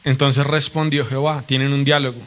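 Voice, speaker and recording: Earnest man preaching in an even tone. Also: mid-range voice, brisk. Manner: earnest, reverent teaching with rhetorical questions to the congregation. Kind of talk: sermon.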